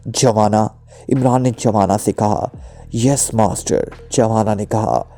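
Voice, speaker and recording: A man reading a spy novel aloud as an audiobook narrator, in a steady, even manner. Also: fairly low pitch, unhurried, gravelly. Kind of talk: scripted narration. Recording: soft music underneath.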